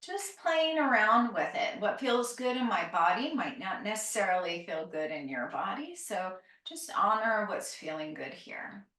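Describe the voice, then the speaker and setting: In a roomy, echoing space, a woman speaks at a slow pace, guiding a calm grounding exercise as a yoga teacher. Her instruction is gentle and encouraging, with softly trailing phrase endings. The microphone sounds set back from her. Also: medium pitch, far from the mic.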